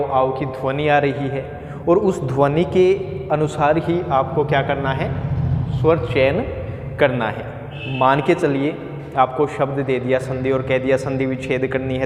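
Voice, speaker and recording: A man teaching a Hindi grammar lesson to exam students, explaining step by step and asking questions that he answers himself. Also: on the high side. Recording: echoey room with long reverb.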